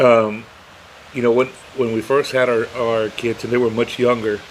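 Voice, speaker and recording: A man's voice: mid-range voice, flat delivery, moderate pace, a little hiss or hum. A middle-aged man co-hosting a podcast in casual chat, rambling from topic to topic and swearing freely. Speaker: podcast co-host.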